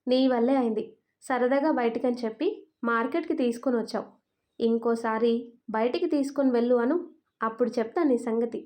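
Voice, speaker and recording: A young husband grumbling in jest about shopping, as a woman reads him. The voice drops a little lower and softer, in an audio storybook. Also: a little fast, close to an everyday voice. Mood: joking. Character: joking young husband, mock-complaining.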